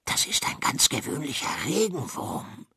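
A man's voice: on the high side, huge pitch swings, normal speed, sharp tone, husky, dry recording, studio quality, voice pushed up, heavily acted. Man doing a hissing, greedy ship rat. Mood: scheming. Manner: hissing, sneering. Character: scrappy greedy ship rat gang, male. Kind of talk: storybook reading.

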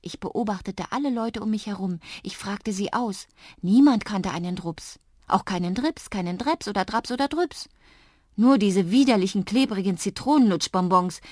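A woman narrates a children's storybook in a warm, intimate manner. She sits close to a studio mic, and the sound is dry with no room echo. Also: mid-range voice. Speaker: audiobook narrator.

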